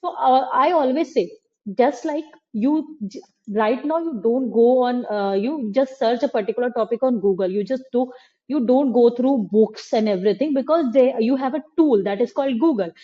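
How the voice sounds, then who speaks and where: A woman's voice: on the high side, moderate pace, warm tone. A woman hosting a podcast, talking casually with emphatic opinions. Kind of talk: casual conversation. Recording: slightly muffled, dull sound.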